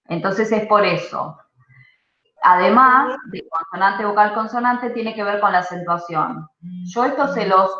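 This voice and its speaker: Over a video call, a woman with a medium, slightly bright voice teaches an English grammar lesson, walking her students through it step by step. She keeps checking they follow with frequent "¿sí?" prompts, and the online audio sounds muffled and echoey.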